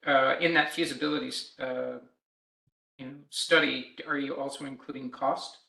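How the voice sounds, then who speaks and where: Creaky, bright-voiced male facilitator. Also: mid-range voice, fairly even intonation, moderate pace. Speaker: workshop facilitator. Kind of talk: moderating a virtual workshop. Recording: echoey room.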